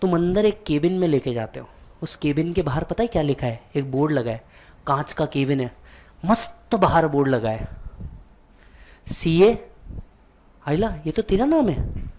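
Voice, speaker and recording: A man's voice: fairly high pitch, normal speed, a little mellow. Man telling a vivid motivational story. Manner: vivid, addresses the listener directly. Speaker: exam coaching teacher.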